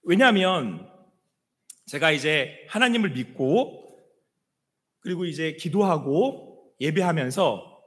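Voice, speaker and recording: A middle-aged male senior pastor preaching a sermon with passion, now and then sinking to soft, hushed words. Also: on the high side, lively intonation, slow pace, pauses often. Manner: impassioned preaching, dropping to soft hushed quotes of God. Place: church sanctuary. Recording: long church-hall reverb.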